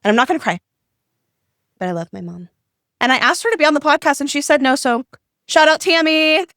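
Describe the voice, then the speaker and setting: A woman's voice: high voice, lively intonation, a little fast, fairly bright tone, no room sound, studio quality. Giggly, rambling woman podcast co-host. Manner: giggly, rambling, self-mocking. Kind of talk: casual chat.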